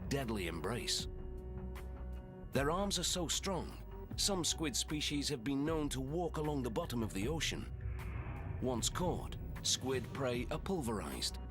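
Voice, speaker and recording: A man reading scripted nature documentary narration in a dramatic, suspenseful way. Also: mid-range voice. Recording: music bed behind the voice. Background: loud background music.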